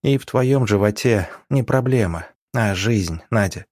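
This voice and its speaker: A man's voice: fairly low pitch, measured pace, darkish tone, no echo, clean studio sound. A man voicing a young woman who speaks firmly and insistently in an audiobook.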